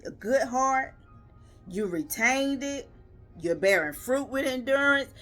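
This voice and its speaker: A woman's voice: sits high, animated, slow, fairly bright tone, faint music behind. A woman delivering a devotional video sermon, earnest and emphatic, pressing her listener with repeated rhetorical questions and building rhythmic lists. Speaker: lay preacher.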